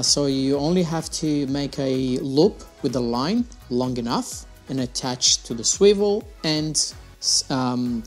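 A young man hosting his fishing channel, talking casually through his gear at a desk in a small room on a lapel mic, with slightly phrasing. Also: mid-range voice. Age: young adult. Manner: casual, chatty, slightly non-native phrasing. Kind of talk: gear review vlog.

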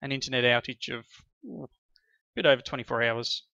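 Gravelly, bright-toned father narrating gameplay. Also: mid-range voice, brisk, dry recording. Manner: chatty, praises and encourages his kids. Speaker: gaming channel host playing with his children. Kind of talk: casual gameplay commentary. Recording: slightly dull lo-fi sound.

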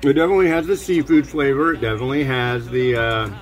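A man's voice: medium pitch, fairly even intonation, fast talker, soft background music. A man hosting a casual food review show, chatting with his mouth full of noodles. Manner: chatty, talking while eating. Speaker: host.

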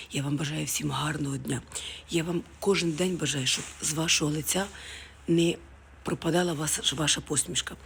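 A woman's voice: low voice, vocal fry, slight background noise, poor audio. A woman chatting affectionately to her viewers in a casual morning vlog while getting dressed at home. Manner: drops to a whisper at times. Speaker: vlogger.

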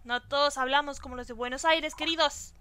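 A woman's voice: high voice, fairly even intonation, brisk, background noise. A young woman from Santiago del Estero with that region's Argentine accent, a gaming YouTuber chatting casually and giggling as she reads out and answers fan questions. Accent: Santiago del Estero Argentine Spanish. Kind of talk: casual Q&A chat.

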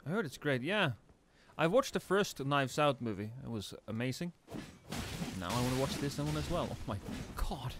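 A man's voice: medium pitch, animated, moderate pace, noisy background. A man giving casual live gameplay commentary in a theatrical, playfully mock-threatening way. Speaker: gaming streamer.

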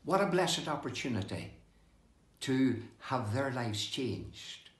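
An older male pastor gives a devotional sermon at an unhurried pace. His pitch swings widely as he leans into key words. The room around him rings with echo. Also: sing-song. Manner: slow, emphatic preaching with rising and falling delivery. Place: indoor room with bookshelves, seated with open Bible.

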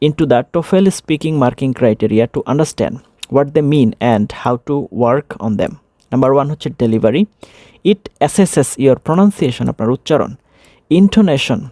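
Man teaching, slow English read-outs. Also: mid-range voice, warm tone, no room sound, clean studio sound. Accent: Bangladeshi. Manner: reads English slowly then explains in Bengali. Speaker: TOEFL instructor. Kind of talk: explanatory lesson.

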